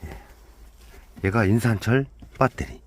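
A man's voice: fairly low pitch, measured pace, slightly rough. A man giving a joking, chatty hands-on walkthrough of a camper van, counting steps aloud as he goes. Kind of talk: casual hands-on product walkthrough.

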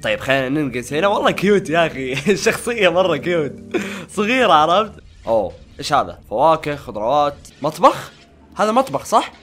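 Male gamer, high lively voice, panicky play-by-play, chats at the screen. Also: quick pace, music in the background. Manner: excitable, panicky, talks to game characters. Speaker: gaming channel host. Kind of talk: let's-play commentary.

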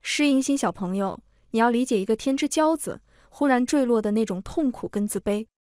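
A young man who jokes at his own expense and teases the girl he grew up with, read by a woman narrator. The voice sits fairly high, and the sound is dry and close. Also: lively intonation, fairly quick, darkish tone, no room sound, natural voice. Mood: teasing. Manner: joking, self-mocking. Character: young man, wry, teasing childhood sweetheart.

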